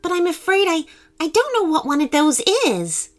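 A woman's voice: very high voice, big pitch swings, normal speed, soft background music, pitched above the performer's own voice. A woman voicing an eager, cheerful male adventurer in a storybook reading. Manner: bright and enthusiastic.

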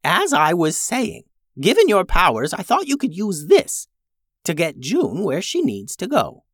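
A storyteller voicing a fussy old witch who speaks slowly with a high, stammering voice. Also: wildly swooping pitch, dry recording, studio quality. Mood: flustered.

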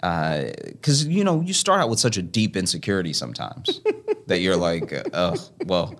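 A man with a deep, heavy, sonorous radio voice, speaking reflectively as an interview guest in a measured, searching way with pauses. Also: very animated, a bit bright. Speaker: guest, stand-up comedian.

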